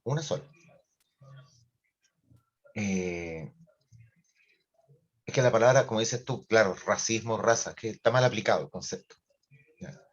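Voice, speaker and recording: A Chilean man leads a class discussion over a video call in a lively, joking, colloquial way. His voice sits on the low side. The call audio is muffled and lo-fi. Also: measured pace, long pauses. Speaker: teacher.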